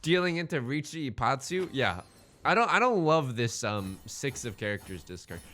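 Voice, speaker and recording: A man hosts a gaming Let's Play series, trading casual jokes and banter as he comments on the game. His mid-range voice swings widely in pitch at a moderate pace with a fairly bright tone and a little hiss or hum, and he stammers and repeats words as he rambles.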